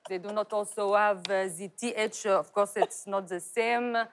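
A woman putting on a mock French accent in English, dropping her H sounds, rolling her R, and pausing with hesitant fillers. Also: medium pitch, steady tone, background noise. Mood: playful. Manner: hesitant, drops H sounds, rolled R.

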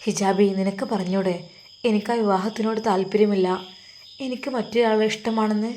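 An eager young man presses with urgent, pleading questions, voiced by a woman in her own warm tone. He speaks with a lilt, in a soft, mellow voice. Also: medium pitch, fairly even intonation, moderate pace, a little hiss or hum, natural voice. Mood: urging.

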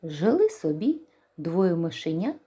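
A kindergarten teacher from Ukraine telling a folk tale to children. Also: female voice, lowish voice, breathy edge, dull audio. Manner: slow, gentle, animated. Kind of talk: storytelling for children.

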